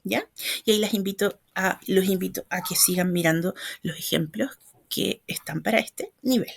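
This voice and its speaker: Woman with a gravelly voice explaining. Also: medium pitch, moderate pace, a little hiss or hum. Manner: explains step by step, often checking understanding with short tag questions. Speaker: educational trainer. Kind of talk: explanatory lecture.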